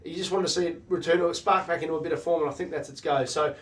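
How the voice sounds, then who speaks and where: A man's voice: a little high, steady tone, very fast. A man hosting a casual horse racing chat, analysing races in clipped, punchy, jargon-heavy phrases. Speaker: host of a horse racing talk show. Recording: distant mic.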